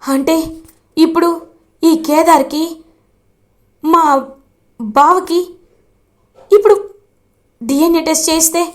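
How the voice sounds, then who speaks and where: Lady doing a worried young woman, high and comforting. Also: steady tone, takes it slowly, pauses often. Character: anxious young woman, devoted daughter-in-law.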